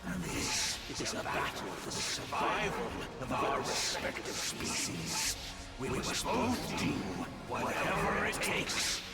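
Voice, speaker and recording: A man's voice: fairly high pitch, very animated, takes it slowly, pauses often, exaggerated voice. A man playing a proud, battle-hungry old gladiator warlord in a video game, declaiming grandly with an honorable temper. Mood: imposing, impressed. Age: older. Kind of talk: theatrical video game acting. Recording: loud game music behind. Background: loud battle music.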